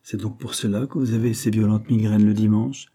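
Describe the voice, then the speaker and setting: A teasing young man with a wry, mocking manner, read by a male narrator in his own dark, husky voice. It is an audiobook reading. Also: fairly low pitch, steady tone, fairly quick.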